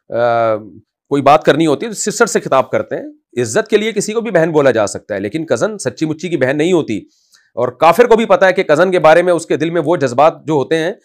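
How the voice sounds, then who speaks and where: A man, an Islamic scholar, answering a question in an impassioned advice talk, emphatic and scolding at times. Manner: emphatic, rises loud to scold, then drops low and quiet.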